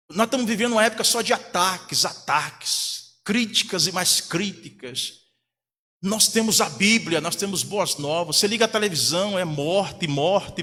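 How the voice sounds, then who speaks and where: With a high, pushed, bright voice and a big-room sound, a Brazilian pastor preaches in a church hall. His sermon tells a family story, and he acts out the voices of its characters.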